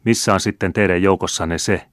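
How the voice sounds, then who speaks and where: A man's voice: deep voice, dry recording, clean studio sound, lightly acted. A man playing a fiery beardless young count. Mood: indignant. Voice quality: ringing but still slender voice. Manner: impassioned, rallying. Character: fiery young nobleman, beardless youth, proud.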